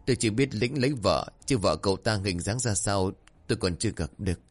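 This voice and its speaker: A man's voice: fairly low pitch, lively intonation, a little fast. A man voicing a frightened village father who recounts events and pleads urgently. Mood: recounting. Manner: urgent, panicked.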